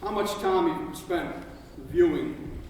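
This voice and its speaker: Slow, wry male attorney from afar. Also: a little high, darkish tone. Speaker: opposing attorney. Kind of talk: cross-examination in a mock trial. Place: courtroom. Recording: distant, roomy hall with noise.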